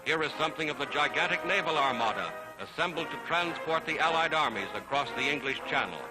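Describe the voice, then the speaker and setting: A man's voice: a little high, lively intonation, quick pace, poor audio. A man giving grand, declamatory scripted narration for an old wartime newsreel. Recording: narration over loud music.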